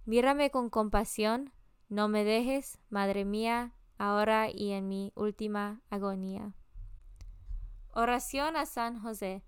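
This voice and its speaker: A woman reading scripture and daily prayers in a measured, solemn devotional style. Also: medium pitch, smooth, dry recording, clean studio sound. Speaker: scripture reader.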